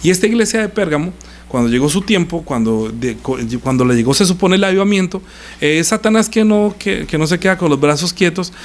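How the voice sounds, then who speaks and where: A man delivers a sermon, with a fairly high voice that swings widely in pitch. He talks like a conversation, turning often to quiz his listeners. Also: expressive, fairly quick. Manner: conversational preaching with sudden pitch leaps, questions to listeners. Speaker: pastor.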